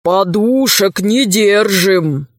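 A woman voicing a grumpy, proud old male dragon in an audiobook, speaking slowly and indignantly. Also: mid-range voice, animated, dry recording, studio quality. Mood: grumbling. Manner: slow, weighty and indignant. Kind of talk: audiobook character voice.

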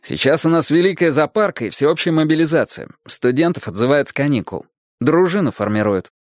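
Storybook scientist, wry and easygoing, formal turns of phrase, read by a male narrator, lively pitch. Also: a little fast, dry recording, studio quality, close to an everyday voice. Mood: conciliatory. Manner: wry, conciliatory, slightly formal. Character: friendly, wry grown-up man, a scientist.

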